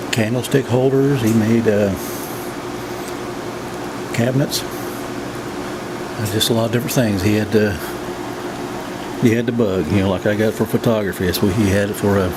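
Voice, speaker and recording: A man's voice: on the low side, moderate pace, long pauses. A plain-spoken, folksy man casually narrating a home cooking demonstration in his kitchen. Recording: steady background room hum and noise.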